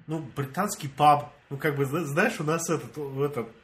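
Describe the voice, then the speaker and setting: Chatting casually with friends, a young man from Russia spins a story at a moderate pace, his voice a little high. He plays out the characters' lines himself, laughing frequently as he animates the tale.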